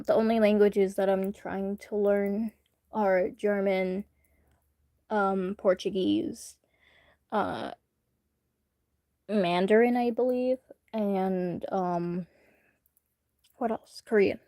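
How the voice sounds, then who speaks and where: Woman streamer chatting slow and unhurried to chat, lots of ums, dry close sound. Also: medium pitch, a little mellow, no echo. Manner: rambling and hesitant, many fillers; talks to chat directly. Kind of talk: casual livestream reaction chat.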